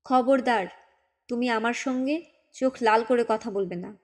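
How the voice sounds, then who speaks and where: A woman's voice: on the high side, a little slow. A woman voicing a grieving, irritable mother who snaps curtly at everyone in an audiobook. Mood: bitter, curt. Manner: curt and bitter. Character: grieving, irritable young mother, sharp-tongued.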